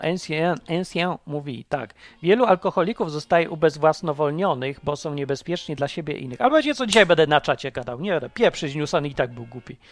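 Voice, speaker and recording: A man's voice: fairly high pitch, dry recording. A man hosting a casual livestream chat, ranting sarcastically and mocking ideas while taking calls. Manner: sarcastic, mocking, acts out voices.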